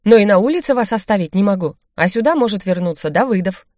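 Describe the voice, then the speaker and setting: A woman's voice: medium pitch, expressive, quick pace, darkish tone, no room sound, studio quality, lightly acted. A woman reading the lines of a stern, scheming male baron in an audiobook, firm and commanding.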